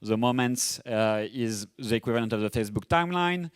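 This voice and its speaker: A young man from France with a strong French accent, giving a casual, fast-paced conference masterclass. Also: medium pitch, animated, smooth. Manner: fast, casual, self-deprecating, with filler restarts. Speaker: conference speaker. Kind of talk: masterclass presentation.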